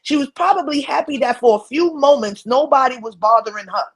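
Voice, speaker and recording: A woman's voice: sits high, fairly quick, husky. A woman hosting a live stream, talking bluntly and emphatically in casual commentary. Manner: blunt, emphatic, laughs along.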